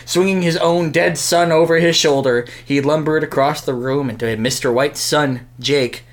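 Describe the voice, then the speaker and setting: A podcast host reads a crude comic story aloud with theatrical amusement, turning the narration into a dramatic comic performance. The voice sits at medium pitch, steady in tone, at a normal speed.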